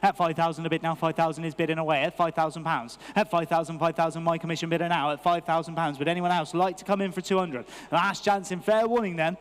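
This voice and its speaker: High-pitched British male auctioneer, booming hall. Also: steady tone, fast, hardly any pauses, smooth. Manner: repetitive rhythmic chanting of figures. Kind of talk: live auction bid calling.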